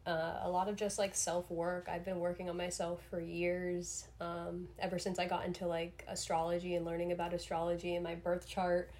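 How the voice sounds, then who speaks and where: Speaking in a low, darkish voice with a completely flat delivery, a young adult woman rambles introspectively through her solo podcast, dropping "like" as slangy filler. She moves at a moderate pace with hardly any pauses, sounding a bit under the weather and clearing her throat.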